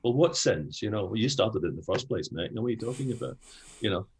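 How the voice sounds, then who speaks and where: A man's voice: fairly low pitch, lively intonation, fast talker, darkish tone, slight background noise, rough recording. A Scottish man, older, speaking frankly as an interview guest, with many restarts. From Scotland. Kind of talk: conversational interview.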